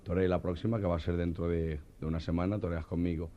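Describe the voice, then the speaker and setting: Comedian as a soft, low, unbothered matador, muffled cassette. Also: male voice, flat delivery, fast, natural voice. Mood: calm. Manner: low-key and soothing. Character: calm, assured male matador. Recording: dull cassette recording.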